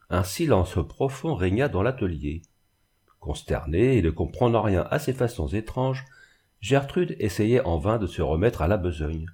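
A man narrating a classic novel in an expressive, dramatic reading. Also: on the low side, slightly rough. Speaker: audiobook narrator. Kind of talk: literary reading.

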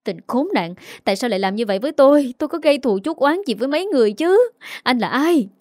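A woman narrator voicing a wronged young wife who speaks quickly and shrilly as she pleads and accuses, in an audiobook story. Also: expressive, a little mellow, no room sound, studio quality. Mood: furious. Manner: shrill, accusing, talks fast.

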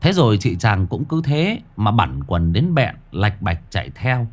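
A man's voice: fairly low pitch, very animated, measured pace, soft background music. A man narrating a ghost story expressively.

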